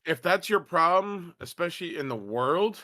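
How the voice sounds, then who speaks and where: A man from New Jersey trades opinions on a casual political chat show. His voice is bright and forceful, and the sound is close and dry. He drives his points home by repeating them. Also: sits high, animated, normal speed, no room sound. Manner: emphatic, repeats points for effect. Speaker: podcast co-host.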